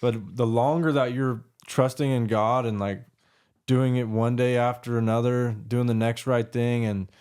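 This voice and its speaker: Male podcast host, mellow dark voice, chill encouraging chat. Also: mid-range voice, steady tone, a little slow, clean tone. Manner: encouraging, affirming, many yeahs. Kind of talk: casual interview chat.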